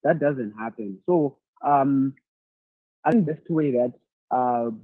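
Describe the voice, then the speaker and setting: Man from Zimbabwe, halting, tinny call audio. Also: mid-range voice, no room sound. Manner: thoughtful, halting, repeats words while searching for them. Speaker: leadership speaker answering questions. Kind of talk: online masterclass Q&A.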